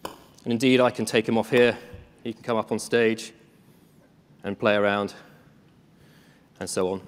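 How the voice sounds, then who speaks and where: A man giving a relaxed, self-deprecating live tech demo on stage, with lots of ums. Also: lowish voice, a little slow. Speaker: tech presenter. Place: large conference hall. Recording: long reverb of a large hall.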